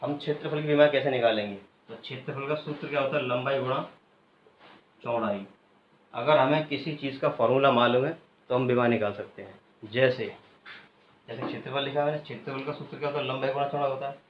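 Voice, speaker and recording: A man in the middle of a classroom lesson, his mid-range voice bouncing around an echoey room. He keeps quizzing his students and leaving gaps for them to call out the rest, then repeats each answer slowly and patiently. The recording is muffled and carries a faint hiss. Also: mid-range voice. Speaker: teacher. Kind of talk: classroom physics lecture.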